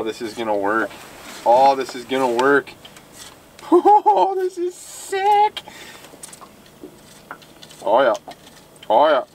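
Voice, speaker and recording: In his thirties and from Minnesota, this man is an excitable fishing vlogger chatting casually into a handheld camera by a lake and in a small boat, with the mic later placed on a mount. He speaks at medium pitch, full of hype, with music and slight background noise in the outdoor camera audio.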